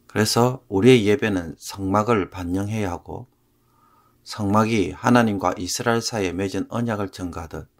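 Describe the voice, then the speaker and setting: A man, a pastor, explaining a scripture passage in a measured sermon, phrase by phrase. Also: fairly low pitch.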